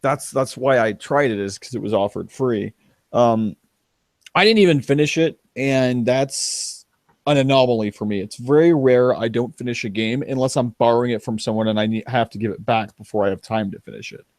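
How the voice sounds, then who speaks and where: A man's voice: medium pitch, moderate pace, darkish tone, no room sound. A young man talking as a podcast guest, rambling, restarting his sentences and laughing. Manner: rambling, self-interrupting, laughs. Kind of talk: casual chat.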